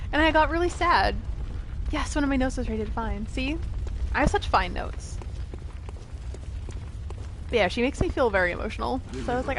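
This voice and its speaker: A woman's voice: on the high side, rough recording. Chatty woman streaming a game, faint noise. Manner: informal, chatty, expressive. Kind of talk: casual live gameplay commentary and chat.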